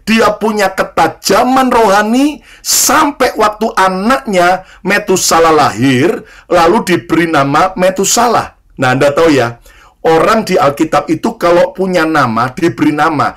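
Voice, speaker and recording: A man's voice: sits high, animated, a little slow, a bit bright. A male pastor, preaching a sermon, leading his congregation in repeated call-and-response lines and joking lightly with them. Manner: jokes lightly and addresses listeners as brothers and sisters.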